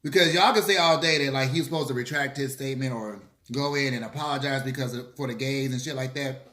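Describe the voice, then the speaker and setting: A man's voice: mid-range voice, quick pace, fairly bright tone. A man chatting casually to camera during a mukbang, opinionated and sassy, with emphatic, slangy, swearing delivery between bites. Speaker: vlogger hosting a mukbang. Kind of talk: casual chit-chat to camera while eating. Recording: roomy, echoey room sound.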